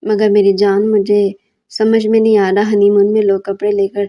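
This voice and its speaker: A woman's voice: mid-range voice, completely flat delivery, lo-fi sound, close to an everyday voice. A woman reading the lines of a teasing, doting young husband in an audio novel, without a distinct character voice. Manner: teasing, coaxing.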